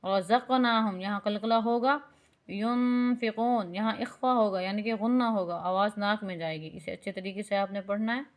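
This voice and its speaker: A woman teaching beginners Quran recitation, drawing out the verses slowly and then explaining the rules quickly and patiently. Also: mid-range voice, steady tone. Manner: alternates slow drawn-out recitation with quick explanation; patient, instructive.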